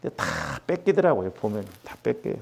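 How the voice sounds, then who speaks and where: A man's voice: mid-range voice, fairly quick, creaky, a little hiss or hum. A middle-aged man preaching as a pastor, telling a personal story and acting out the quotes. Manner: animated, acts out quotes with rising intensity. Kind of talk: sermon with storytelling.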